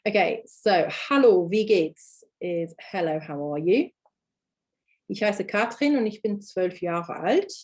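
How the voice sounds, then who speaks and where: British woman, lowish voice, patient language teacher who repeats words slowly for learners. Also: animated, a little mellow. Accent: British English. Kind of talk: online language lesson.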